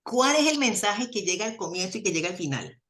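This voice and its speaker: A woman with a Colombian accent, a theologian guest in a radio interview, explaining with animated stories and folksy sayings. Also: mid-range voice, a little fast.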